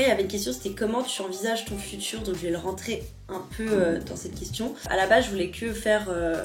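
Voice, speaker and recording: A woman, chatting casually and informally to camera with a self-mocking touch. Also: medium pitch. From Geneva, Switzerland. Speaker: YouTube vlogger. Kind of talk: casual chat to camera, Q&A vlog. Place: indoors at home. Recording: roomy echo, faint music behind.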